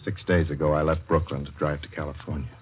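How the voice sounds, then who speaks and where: A man's voice: rumbling low, level tone, fast talker. An actor playing a tense young man who narrates his lonely cross-country drive in a 1940s radio drama, over music on an old lo-fi recording. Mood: brooding. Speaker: narrator and lead.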